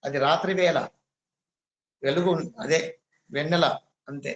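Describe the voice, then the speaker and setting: Storytelling spiritual teacher, slightly high voice. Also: male voice, fairly even intonation, measured pace, highs cut off. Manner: conversational, quizzes the audience. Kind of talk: devotional discourse with storytelling.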